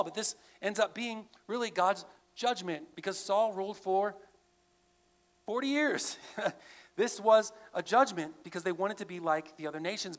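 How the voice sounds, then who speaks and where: High-voiced man preaching a sermon. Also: fairly bright tone. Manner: conversational, with frequent restarts. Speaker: pastor. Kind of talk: expository sermon.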